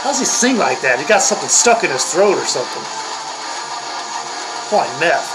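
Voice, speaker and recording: A man's voice: fairly high pitch, very animated, fairly quick, low-quality recording. An older man hosting a comedic reaction video, grumbling and mocking in a crude, profane way. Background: heavy metal music playing.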